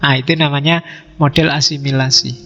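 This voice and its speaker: A middle-aged man giving a public philosophy lecture, explaining slowly and putting rhetorical questions to his audience. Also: a little high, little pitch movement, pushed and bright. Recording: reverberant hall, dull sound, faint music.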